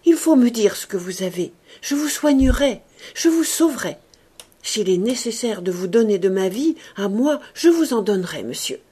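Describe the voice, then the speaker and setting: A woman's voice: mid-range voice, expressive, moderate pace, warm tone, husky. A woman reading aloud, voicing a devoted aging servant woman who cries out and pleads. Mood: frantic pleading. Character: devoted old female servant, desperate.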